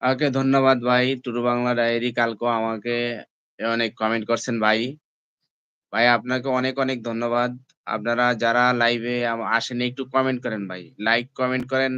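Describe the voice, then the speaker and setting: A man hosts a casual live stream from his phone. His voice comes through smooth and clear, with a dry, close sound and no room echo. He keeps nudging viewers, calling them brother and friends. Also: medium pitch, little pitch movement, normal speed, a bit bright, highs cut off. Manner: repeatedly asks viewers to comment and like. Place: indoors, at home.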